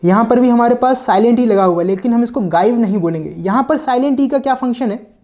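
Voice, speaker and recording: A male teacher walks through an English vocabulary lesson step by step, in a very high, darkish voice, talking fast. He often checks in with his listeners, mixes English words into his sentences and sometimes corrects himself mid-word.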